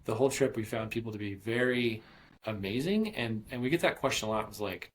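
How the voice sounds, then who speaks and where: A man's voice: fairly low pitch, animated, fairly quick. A man in his thirties, a podcast guest, telling a long travel story in a chatty, rambling way with many fillers and restarts. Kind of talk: casual storytelling interview.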